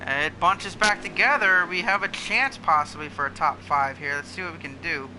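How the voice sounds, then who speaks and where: A man hosting a gaming video, giving casual, excitable commentary that talks through every moment of his play. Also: fairly high pitch, moderate pace. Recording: clear engine noise under voice. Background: racing game car engines.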